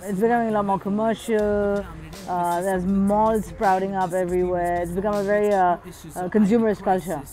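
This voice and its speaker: A woman in her thirties, raised in Switzerland, talks about her work as a graffiti artist in a documentary interview. She speaks at an ordinary middle pitch and reflects as she goes, often restarting a phrase. Hip-hop music plays clearly underneath her. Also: steady tone, normal speed, warm tone, poor audio. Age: 30s. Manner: reflective, thinks aloud with small restarts.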